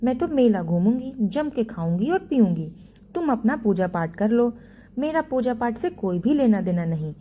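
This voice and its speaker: A woman storyteller voicing a sharp-tongued young wife who scorns worship, speaking in a scolding, dismissive way. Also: a little high, very animated, normal speed, a little hiss or hum. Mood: irritated.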